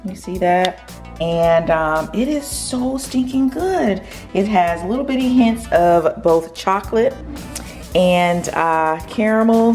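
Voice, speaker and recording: A woman's voice: lowish voice, darkish tone. A woman vlogging casually from her home kitchen in a groggy early-morning voice, chatting and rambling with fillers. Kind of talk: casual chat to camera.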